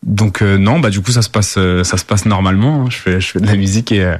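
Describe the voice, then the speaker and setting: A young rapper from the Paris suburbs in France is a guest answering interview questions. He talks fast in a fairly low voice, casually, with lots of fillers and restarts, and the studio-quality audio has no echo.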